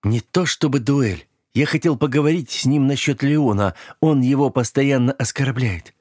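A man's voice: mid-range voice, normal speed, a little mellow, breathy edge, dry recording, pitched above the performer's own voice, lightly acted. Man doing a rattled young hero, urgent and tense, slightly raised voice, dry close sound. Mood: anxious. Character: anxious young male first-person hero. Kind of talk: audiobook character voice.

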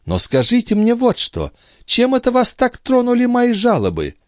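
A man's voice: very high-pitched, huge pitch swings, normal speed, dry recording, clean studio sound, pitched above the performer's own voice, exaggerated voice. A man reading an audiobook, voicing a proud young noblewoman with a cold, mocking manner. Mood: haughty.

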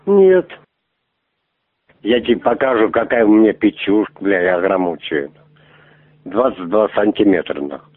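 A man's voice: fairly low pitch, animated, unhurried, long pauses, no echo. A man making a crude prank phone call, pushy and rambling, swearing often as he keeps asking to meet. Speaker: prank caller. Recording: tinny phone line.

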